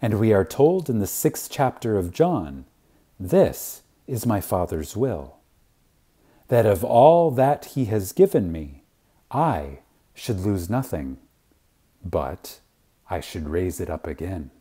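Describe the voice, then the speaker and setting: In a sing-song, dramatic reading of a spiritual lecture, a man with a husky voice moves at a very slow pace. Wide pitch swings, deliberate pauses, and softly fading phrase endings give the delivery a reverent, strongly emphatic feel.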